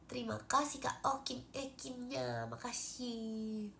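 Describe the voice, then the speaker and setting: A woman's voice: high-pitched, moderate pace, vocal fry, a little hiss or hum. A young woman from Indonesia, stuffy from a cold, chatting animatedly on a phone livestream and thanking viewers for gifts. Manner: chatty and animated, frequent fillers. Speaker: idol livestreamer.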